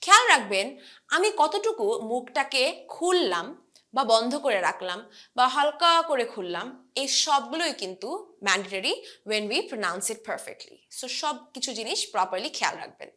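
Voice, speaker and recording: A woman with a Bangladeshi accent teaching English pronunciation, repeating each vowel and example word slowly several times. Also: fairly high pitch, big pitch swings, bright, forceful tone. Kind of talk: pronunciation lesson, drilling vowel sounds.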